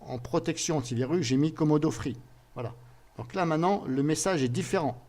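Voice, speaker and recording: A man narrating a screen-recorded software tutorial in a casual way, thinking aloud with frequent pauses and little filler words. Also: a little high. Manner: casual, fills pauses with "voilà" and "hop"; thinks aloud, restarts and hesitates.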